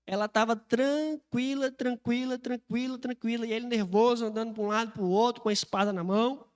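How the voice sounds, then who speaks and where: A man's voice: extremely high pitch, steady tone, brisk, clean tone. A Brazilian pastor preaching a sermon to his congregation, retelling a story and building to fervent emphatic declarations. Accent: Brazilian Portuguese. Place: church sanctuary. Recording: long reverb of a church hall.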